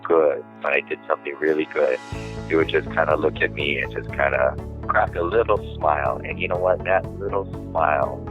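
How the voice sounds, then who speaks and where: Very deep-voiced man on a phone line. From Hawaii. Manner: halting, searching for words. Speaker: guest musician. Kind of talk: casual interview talk. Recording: phone-line audio with faint music.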